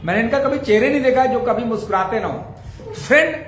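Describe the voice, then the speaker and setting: High-pitched man giving a sales pep talk. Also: fast talker, roomy sound, a little hiss or hum. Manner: rhetorical questions and repeated points. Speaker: network marketing trainer. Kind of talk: motivational sales training talk.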